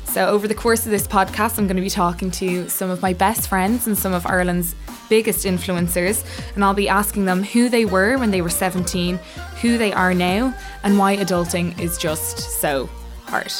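An Irish woman hosts a casual chat interview. Her voice sits at an average pitch, with some music in the recording. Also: steady tone, normal speed, few pauses. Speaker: podcast host.

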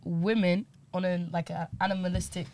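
A woman's voice: lowish voice, little pitch movement, moderate pace, darkish tone, slight background noise. A young woman explaining things insistently in casual, slangy chat.

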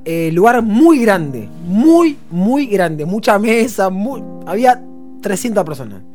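A man in his thirties with an Argentine accent, telling comic stories on live radio in a deadpan, ironic way. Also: high-pitched, slow, faint music behind. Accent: Argentine Spanish. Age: 30s. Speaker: comedy segment host. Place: radio studio.

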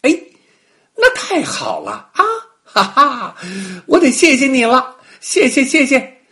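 A man voicing an excitable little male monkey in a children's storybook tale, squealing and jittery. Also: very high voice, measured pace, vocal fry, voice pushed up, exaggerated voice. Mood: eager.

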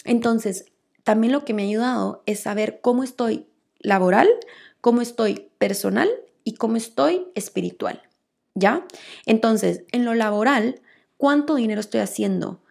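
A woman's voice: a little high, gravelly, warm tone. A young woman, talking casually on a motivational podcast as a coach, earnest and repetitive, coaxing listeners with rhetorical questions. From Guatemala.

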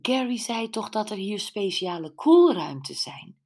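A woman reading a startled, disbelieving friend in a raised, higher voice, in an audiobook. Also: sing-song, unhurried, a little mellow. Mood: incredulous.

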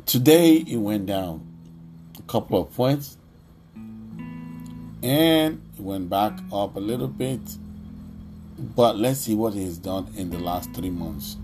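A man's voice: on the low side, animated, slow pace, pauses often. A man hosting a cryptocurrency video, talking casually in an emphatic, insistent, hyped crypto-bro manner over plucked guitar music. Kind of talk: casual commentary on a ranked list.

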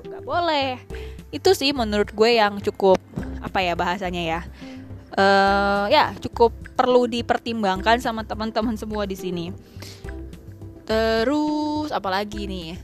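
A young adult woman hosting a casual chat podcast, blunt and slangy, dropping English phrases into her talk. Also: mid-range voice. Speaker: podcast host.

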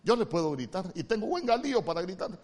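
A male pastor with a Honduran accent preaching a sermon, moving from loud emphatic calls to soft, hushed lines. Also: high-pitched, sing-song, fast talker. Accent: Honduran Spanish.

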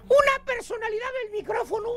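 Gravelly man teasing on radio. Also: extremely high pitch, fairly even intonation, a little fast, pushed and bright, soft background music. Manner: teasing, mocking storyteller with slang. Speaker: radio show host. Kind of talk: comic radio banter.

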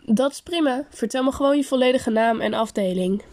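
Businesslike male security guard on an intercom, read by a woman in a fairly high voice. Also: brisk, a little mellow, natural voice.

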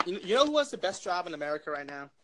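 A man's voice: sits high, very animated, racing, crowd noise, low-quality recording. A young man hosting a casual sports podcast, asking questions and rambling with lots of fillers. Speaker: podcast host.

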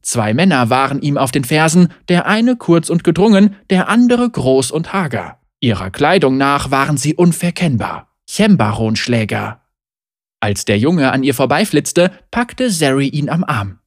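An expressive storybook narrator with a lively, rolling pitch. The reading is animated and scripted. The recording is dry and close, with no room around it. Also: unhurried, no room sound. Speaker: audiobook narrator.

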